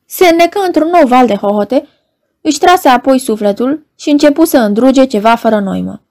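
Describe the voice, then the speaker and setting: A woman reading a novel aloud as an audiobook narrator, steady and expressive. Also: high-pitched.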